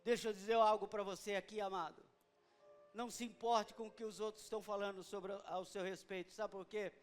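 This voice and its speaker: A man preaching a sermon, moving between quiet, close talk and fervent shouting. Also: high voice, level tone, brisk, faint music behind. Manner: swings from soft intimate talk to fervent shouting.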